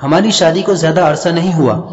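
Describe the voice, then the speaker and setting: A man's voice: fairly high pitch, natural voice. A man voicing a troubled, lovesick young husband who speaks in a hesitant way. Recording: dull lo-fi with long reverb.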